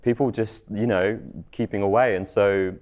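A man's voice: lowish voice, fairly even intonation, moderate pace, a little mellow. A man speaking candidly about personal experiences as a guest on a discussion panel.

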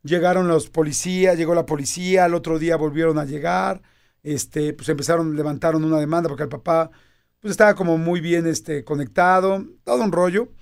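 A Mexican man in his fifties telling a personal story in casual conversation, animated and acting out quoted dialogue. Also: a little high, brisk, vocal fry, clear, resonant tone.

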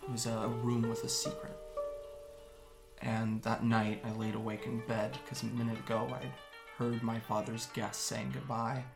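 A man playing a gravelly, hesitant young man. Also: medium pitch, little pitch movement, music in the background, lightly acted. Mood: somber. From Japan. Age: young adult. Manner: soft, hesitant storytelling with halting restarts. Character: young man, guarded and wry, recalling his escape. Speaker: interviewee. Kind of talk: audio drama monologue.

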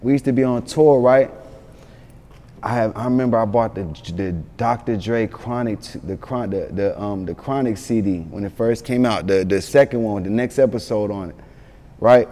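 A man tells stories in a relaxed interview. His voice is mellow and dark, and the hall gives it a long reverb. He talks loosely and excitedly, swears, and keeps adding "you know what I'm saying". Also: on the low side, normal speed. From Atlanta, born in Yonkers. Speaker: interview guest, rapper. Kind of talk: casual storytelling interview.

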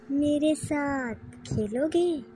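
Casting: a creepy little ghost girl for a horror audio story, high and childlike, slow and haunting. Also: warm tone, a little hiss or hum. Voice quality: eerie, slow and drawn out.

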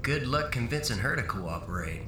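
A man's voice: mid-range voice, animated, moderate pace, natural voice. Man playing a reluctant doctor, echoey room. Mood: uneasy. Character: reluctant, cautious male doctor. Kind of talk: scripted audio drama acting. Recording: echoey, distant, clearly noisy ambience.

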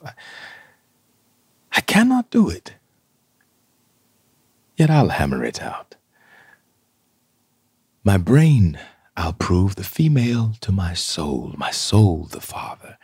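An actor playing an imprisoned, deposed king in a Shakespearean radio play, musing in halting, theatrical verse with a husky, breathy voice. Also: deep voice, a little mellow, no echo, full character voice. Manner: halting, introspective, theatrical, breaking into sudden swells. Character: imprisoned deposed king, brooding, self-pitying, mentally unravelling.

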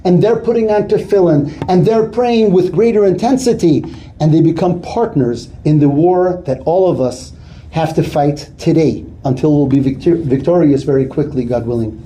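A man giving an earnest sermon as a rabbi, weaving in a story told with lively quoted dialogue. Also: fairly high pitch, a little hiss or hum. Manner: earnest, builds to animated retelling of quoted dialogue.

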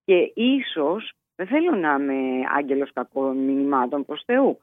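A woman psychologist giving measured advice as a podcast guest, pausing and restarting often, heard over a phone line. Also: low-pitched, sing-song, no echo. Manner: measured, explanatory, with frequent hesitations.

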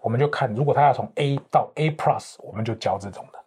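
A man's voice: medium pitch, fast talker, darkish tone, breathy edge. A man, a professional speaking coach explaining his methods with confident, lecturing examples in an interview. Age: 50s.

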